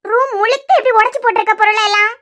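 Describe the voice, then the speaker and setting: Cartoon friend: woman doing a blunt, protective young woman, Kanyakumari Tamil accent, scolding, very high voice. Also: fairly even intonation, racing, a bit bright. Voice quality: very high-pitched. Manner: scolding, incredulous. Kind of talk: cartoon serial voice acting.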